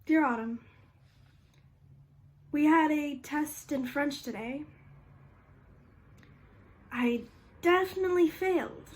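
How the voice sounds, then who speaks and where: A woman's voice: high voice, takes it slowly, pauses often, low-quality recording. A young actress playing an awkward teenage girl reading a letter to a friend in an amateur stage-play monologue, wry and self-deprecating.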